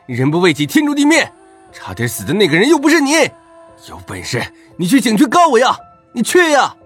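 A cornered, selfish schoolboy yells back in a husky, high voice, as a male narrator plays him. His pitch leaps wildly and he sounds defiant and sneering, with faint music behind. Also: huge pitch swings, brisk, full character voice.

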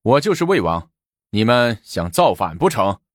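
A man voicing an arrogant, boastful male prince who speaks loudly and haughtily. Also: low voice, very animated, unhurried, dry recording, clean studio sound, full character voice. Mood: haughty.

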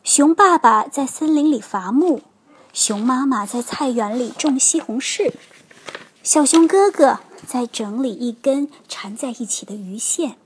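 A woman reading a children's storybook aloud, slow and expressive. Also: high voice, slight background noise. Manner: slow, expressive, clearly paced.

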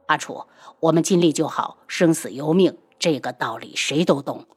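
Grave young prince, lowered voice, steady delivery, audiobook, voiced by a woman. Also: normal speed, husky. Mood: consoling.

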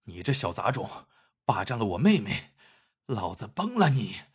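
A male storyteller voicing a hard, vengeful young bandit who talks gruffly and coldly. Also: on the low side, big pitch swings, normal speed, heavily acted. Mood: fierce. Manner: gruff, cold and menacing.

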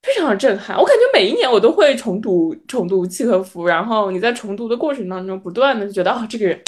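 Lively, reflective woman podcast host. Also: medium pitch. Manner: reflective, laughs often, drawn-out pauses. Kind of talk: casual book chat.

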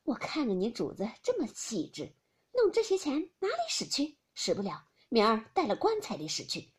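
A woman reading aloud as a bantering, sharp-tongued noble lady who scolds with a laugh. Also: on the high side, huge pitch swings, normal speed, breathy edge, full character voice. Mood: teasing.

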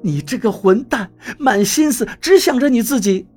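A man voicing a distraught, hot-tempered young woman who shouts shrilly through tears in an audiobook. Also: very high voice, lively intonation, normal speed, slightly rough, soft background music, pitched above the performer's own voice, exaggerated voice. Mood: furious. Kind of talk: audiobook character reading.

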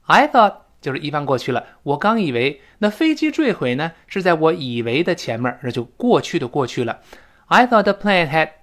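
A male English teacher leads a pronunciation lesson, stretching words out slowly and repeating them again and again. His voice sits a little high and swings widely between loud, emphatic bursts and quiet asides. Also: big pitch swings. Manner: drills words slowly and repeats them, with big jumps in pitch and loudness.

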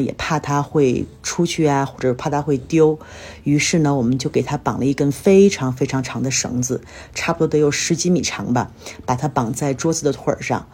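A woman from China with a very deep, dark, husky voice hosts a solo podcast. In a chatty, storytelling manner she gives a casual life update about everyday things, sounding somewhat fatigued and not quite well.

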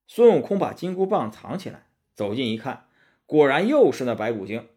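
A man narrating a storybook in an expressive, rising-and-falling storytelling manner. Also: medium pitch, moderate pace.

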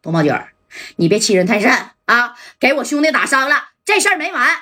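A woman's voice: high-pitched, very animated, a little fast, pushed and bright, heavily acted. A woman voicing a stern male gang leader who gives urgent commands. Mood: commanding.

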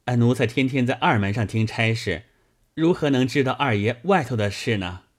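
A man's voice: mid-range voice, moderate pace, lightly acted. A man voicing a timid, evasive male household servant who pleads hesitantly in an audiobook. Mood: pleading. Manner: hesitant, pleading, with filler sounds. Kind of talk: audiobook dialogue reading.

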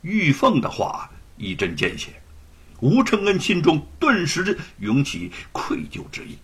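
A man narrating a serialized story in an expressive, dramatic storytelling manner. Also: fairly high pitch, slightly rough. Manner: expressive, swings between loud and hushed.

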